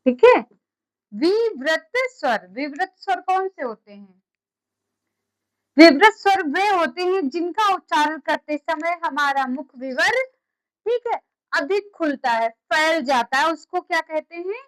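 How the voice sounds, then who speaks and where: Slow, high-voiced woman teaching a class. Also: lively intonation, poor audio. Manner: repeats key terms slowly, quizzing students with questions. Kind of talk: classroom lecture.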